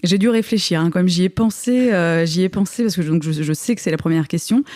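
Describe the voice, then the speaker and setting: A woman's voice: lowish voice, fast talker, darkish tone, no echo. A woman in her thirties from eastern France, a podcast guest chatting casually, laughing often and restarting her sentences. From Moselle, eastern France. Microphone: studio microphone.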